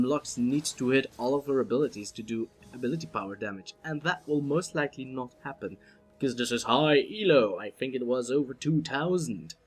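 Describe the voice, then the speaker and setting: A young man with a medium-pitched voice gives solo play-by-play commentary on a video game match. He's chatty and playful, and his voice climbs to excited shouts on the big plays.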